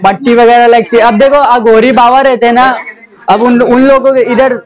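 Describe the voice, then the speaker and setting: A man's voice: extremely high pitch, steady tone, moderate pace. A male science teacher giving a jokey classroom lecture, repeating questions to students and calling for their attention. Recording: noisy classroom crowd. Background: students talking and laughing.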